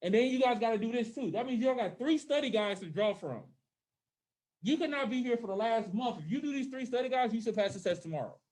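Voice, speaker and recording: This male social studies teacher has a very high voice with a darkish tone, lively intonation, and a somewhat fast pace. Muffled slightly by his mask, he teaches a high school class in person and online, talking informally and regularly making sure everyone follows.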